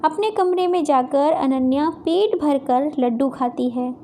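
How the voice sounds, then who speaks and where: Woman storyteller, high voice, slow pace, moral story narration. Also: mellow, a little hiss or hum.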